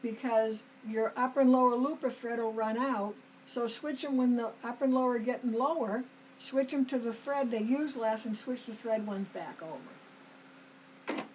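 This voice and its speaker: Woman, sewing tutorial host, slightly high voice, homey and chatty, a bit dry-throated, dull home recording with faint noise. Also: normal speed. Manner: homey, talks to viewers as "us", frequent okays and restarts. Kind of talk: chatty step-by-step sewing demonstration.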